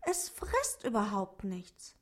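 A woman voicing a young girl in a children's story who cares deeply for her rabbit, speaking high and with strong feeling. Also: huge pitch swings, slow, exaggerated voice. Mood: worried.

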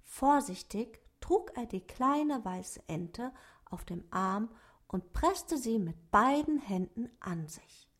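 Woman, storyteller, children's story reading, slow, expressive, animated. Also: fairly high pitch. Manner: slow, expressive, soft passages.

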